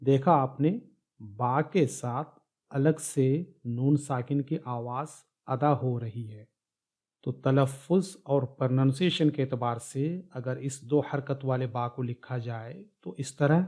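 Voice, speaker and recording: A man giving a step-by-step Arabic grammar lesson, slowly drilling syllables one at a time. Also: medium pitch, darkish tone. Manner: slow, drawn-out syllable drills. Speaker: Arabic teacher.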